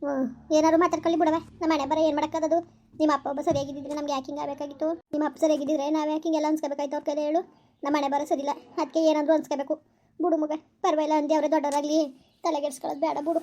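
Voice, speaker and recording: A woman playing a fast-scolding village mother. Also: high voice, little pitch movement, mellow, lo-fi sound. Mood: resigned. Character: weary village mother, scolding yet resigned. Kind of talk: village family drama.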